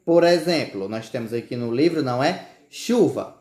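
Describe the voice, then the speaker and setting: A man's voice: medium pitch, lively intonation, moderate pace, darkish tone. A male teacher giving a recorded class, patiently spelling words out letter by letter and often checking in with his students. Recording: echoey room.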